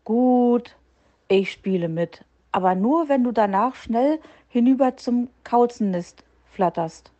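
A sly fox wheedles and sulks as he schemes his way out of bed rest, as a woman voices him for a storybook. The voice sits mellow and a little dull. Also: fairly high pitch, takes it slowly, pitched above the performer's own voice. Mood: wheedling. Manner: wheedling, easily offended. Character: sly scheming male fox faking illness.

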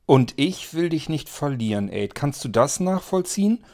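A man's voice: on the high side, big pitch swings, moderate pace, a little mellow, voice pushed up. A man voicing a reproachful young woman. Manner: reproachful, serious. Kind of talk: audiobook reading.

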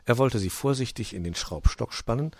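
A man narrating a children's story in a lively reading manner. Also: medium pitch, fairly quick, gravelly, no echo. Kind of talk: scripted narration.

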